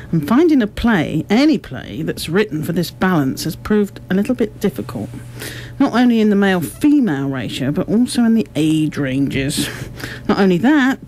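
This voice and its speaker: A member of an amateur drama group is being interviewed on the radio, and her answers come out articulate, explanatory and prepared-sounding. Her voice sits on the low side and is a little mellow. The recording is rough, with noticeable background noise.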